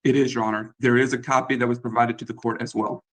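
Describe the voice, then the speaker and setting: Man, attorney, hesitant, apologetic, fillers, mid pitch, choppy conference call audio. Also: level tone, fast talker, a bit bright. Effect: choppy video conference call audio. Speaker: attorney for the landlord. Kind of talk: formal court hearing. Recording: faint voice on a breaking-up call.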